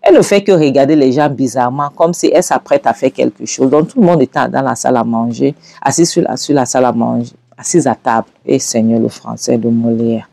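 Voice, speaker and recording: Mellow-voiced man recapping a film. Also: medium pitch, brisk, vocal fry, dry recording. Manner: rambling, with frequent restarts. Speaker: movie recap narrator. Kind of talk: casual film recap narration.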